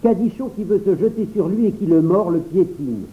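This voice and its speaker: A man's voice: high-pitched, lively intonation, a little fast, voice pushed up. A man voicing a bossy, self-assured older boy in a read-aloud storybook, explaining things in a raised child's voice. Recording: tinny phone-like recording.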